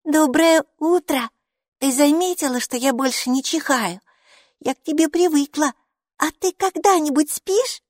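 This audiobook character voice comes from a woman who pushes her voice up high to portray a bubbly, talkative six-year-old girl. The delivery is a little slow and full of excited, eager questions, recorded in a clean studio with no echo.

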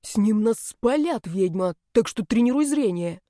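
A woman voicing a sly, grumpy young male snake-man who talks in a gruff, hissing, bossy way. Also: medium pitch, lively intonation, moderate pace, mellow, dry recording, clean studio sound, lightly acted. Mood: urgent.

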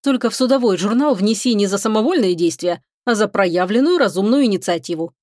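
A woman reading the part of a stern male starship captain, with measured, clipped commands. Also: mid-range voice, animated, darkish tone, dry recording, clean studio sound, lightly acted. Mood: firm.

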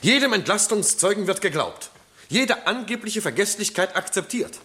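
An indignant, emphatic prosecutor. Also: male voice, sits high, expressive, moderate pace, bright, forceful tone. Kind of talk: 1960s radio drama acting.

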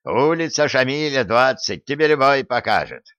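A man voicing a stubborn old villager who shouts indignantly, in an audiobook reading. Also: mid-range voice, lively intonation, normal speed, no room sound, muffled recording, pitched above the performer's own voice, natural voice.

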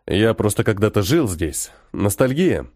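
Low wry stranger in a storybook, read by a man, unhurried, lively inflection. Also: no echo, studio quality. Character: mysterious young male stranger, calm, wry.

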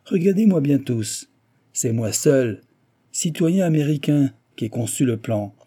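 Man doing a gleeful old engineer, sneering and sarcastic, raised pitch, husky dark voice. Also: animated, measured pace. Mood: gloating. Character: gleeful mocking older male American engineer.

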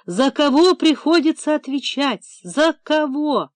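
A woman doing a theatrical middle-aged office manager in an audiobook, indignant and excitable, voice shaking. The sound is dry and close, with no room around it. His pitch jumps higher whenever he protests. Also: measured pace, dry recording. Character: nervous, theatrical middle-aged male administrator. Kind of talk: audiobook character reading.

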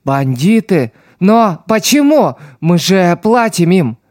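A man's voice: high-pitched, big pitch swings, dry recording, studio quality, heavily acted. A man reading an audiobook, voicing a desperate young street boy who pleads and cries out for help. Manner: crying out, pleading, drawn-out shouts.

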